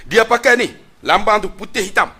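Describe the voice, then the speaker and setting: A man with a Malaysian Malay accent, preaching a sermon as a story, animated, with big swings of pitch and volume. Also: fairly quick, breathy edge.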